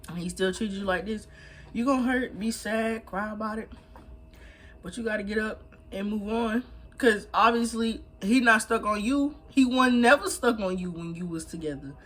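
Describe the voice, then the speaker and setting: A woman's voice: mid-range voice, normal speed, a bit bright. A young woman giving blunt, emphatic, slangy advice in a casual chat while she eats. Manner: talking while eating. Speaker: mukbang vlogger.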